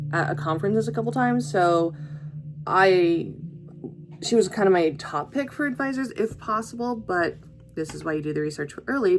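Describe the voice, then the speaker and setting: A woman's voice: fairly low pitch, a little hiss or hum. A young adult woman talking casually to camera in a vlog, chatty and reflective, with many fillers. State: hiccups. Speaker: vlogger.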